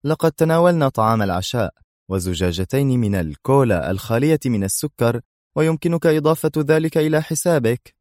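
Guy reading as a smug sarcastic spy hero, calm and teasing, dry close sound. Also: lowish voice, fairly quick, no echo, pitched above the performer's own voice, close to an everyday voice. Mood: mocking. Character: cool sarcastic male secret agent hero.

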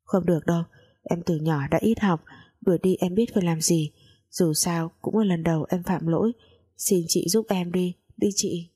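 Woman reading as a weeping young maid, pleading, low husky voice. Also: steady tone, moderate pace, dark tone. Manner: begging, tearful.

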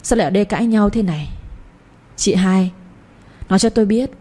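A woman's voice: mid-range voice, fairly quick, dark tone, lightly acted. A woman voicing a strict, authoritative mother-in-law who settles a family quarrel in a read-aloud story. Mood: stern. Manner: firm, commanding.

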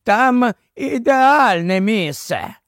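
A man voicing a fussy, excitable old professor and inventor in an audiobook, his voice set apart from the narration. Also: extremely high pitch, very slow, no echo, clean studio sound, pitched above the performer's own voice, exaggerated voice. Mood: pleased.

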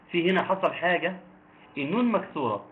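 A man with an Egyptian accent teaching Quran recitation, quizzing listeners and slowly chanting verses. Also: a little high, creaky. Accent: Egyptian Arabic. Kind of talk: online tajweed lesson. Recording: tinny phone-like line with faint noise.

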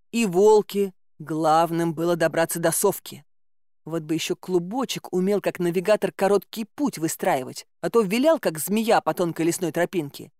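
A woman narrating a first-person fairy-tale audiobook in a wry, expressive storytelling manner. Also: on the low side, dry recording, studio quality.

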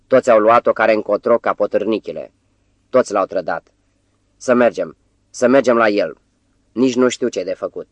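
A man's voice: on the low side, pauses often, no room sound, natural voice. A man voicing a tearful, frantic young female secretary, pleading and sobbing. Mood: distraught.

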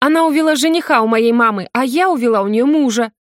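A woman voicing a hot-tempered young woman under interrogation who shouts and sobs in outbursts, in an audiobook reading. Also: a little high, fairly quick, no echo, studio quality, pitched above the performer's own voice, close to an everyday voice. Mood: hysterical.

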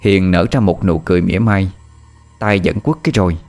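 A man narrates a horror story at a steady, dramatic pace. His voice sits on the low side, and soft background music runs under the telling. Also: brisk.

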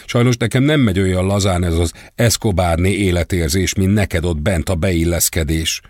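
A man voicing a betrayed woman, shouting and cursing bitterly down the phone. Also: sits low, no room sound, studio quality. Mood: furious.

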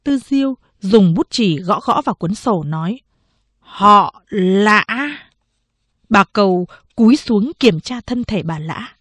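A woman reading a novel aloud as an audiobook narrator, measured and steady. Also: medium pitch, breathy edge, no room sound.

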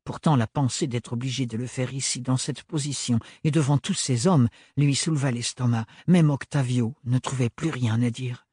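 A man narrating a novel as an audiobook in a steady, measured way. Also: medium pitch, breathy edge, no room sound, clean studio sound.

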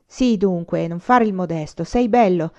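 A woman's voice: fairly low pitch, moderate pace, mellow, close to an everyday voice. A woman voicing an ugly, pushy young male schoolmate who coaxes insistently, in a storybook reading. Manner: insistent, coaxing. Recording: slightly muffled recording.

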